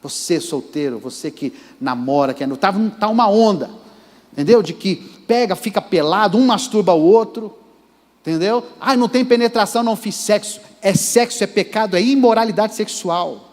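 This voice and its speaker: A man's voice: sits high, lively intonation, normal speed, darkish tone. A Brazilian Portuguese-speaking man preaching a sermon as pastor, emphatic and speaking straight to the congregation. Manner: emphatic, addresses the congregation directly. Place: church sanctuary. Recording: church reverb.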